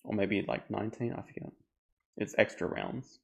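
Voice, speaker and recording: A man streaming a board game live, thinking aloud in a relaxed, chatty way. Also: on the low side, moderate pace, vocal fry. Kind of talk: casual live game commentary.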